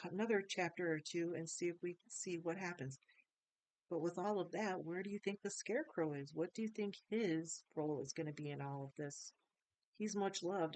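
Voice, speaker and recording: A woman's voice: on the low side, darkish tone, low-quality recording. A woman reading a children's book aloud, then chatting to listeners in friendly asides. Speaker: storyteller.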